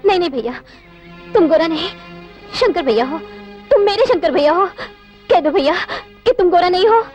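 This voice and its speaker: A tearful pleading sister. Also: female voice, extremely high pitch, expressive, normal speed, a little mellow, faint music behind. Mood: anguished. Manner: desperate pleading. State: crying. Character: young village woman, orphan, pleading sister. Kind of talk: 1980s film acting.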